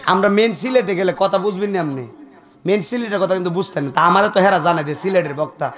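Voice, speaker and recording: High-voiced Sylheti Bengali preacher. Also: male voice, fast. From Bangladesh. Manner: chanting, shouting, joking. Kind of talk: sermon.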